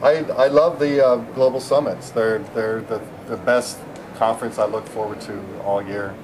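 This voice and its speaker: At a busy conference venue, a middle-aged software engineer from San Diego, USA, is interviewed casually and rambles with many fillers and restarts. His lowish, slightly mellow voice keeps fairly even intonation at normal speed, with slight background noise.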